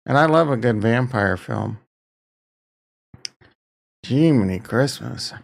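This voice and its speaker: A man hosting a livestream in casual, rambling, self-deprecating slangy chat, with a gravelly morning voice. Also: mid-range voice, lively intonation, slow pace. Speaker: livestream host.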